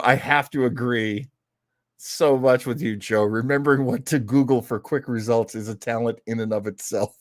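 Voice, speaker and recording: On an online old-time radio show, a male host chats casually and ramblingly, dropping theatrical, jokey asides as in a livestream. His mid-range voice is captured in a dry recording with clean studio sound.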